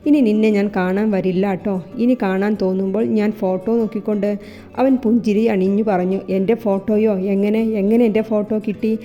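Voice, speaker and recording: A woman narrates a romantic novel in a soft, even storytelling voice, doing all the characters herself. Her tone is deeply mellow and dark, at a middle pitch. The reading sits in a long reverb with quiet music underneath. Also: lo-fi sound.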